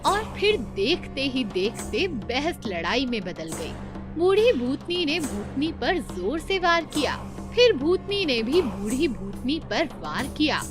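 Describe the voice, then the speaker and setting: A woman's voice: high voice, very animated, takes it slowly. A woman giving a dramatic scripted narration of a children's story. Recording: music behind the voice.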